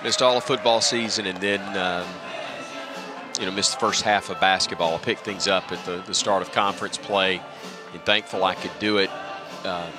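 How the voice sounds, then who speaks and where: Here a middle-aged radio play-by-play announcer is the guest in a broadcast booth interview, chatting in a reflective, self-deprecating way. His deep voice holds fairly even intonation at a moderate pace, with music in the background. The broadcast headset recording, made in a stadium press booth at a baseball game, carries outdoor ballpark ambience.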